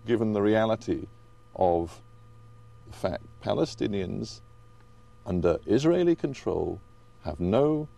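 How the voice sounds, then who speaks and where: A man conducting a confrontational television interview, probing and challenging with deliberate, emphatic phrasing. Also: on the low side, gravelly, mellow. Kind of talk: confrontational current affairs interview.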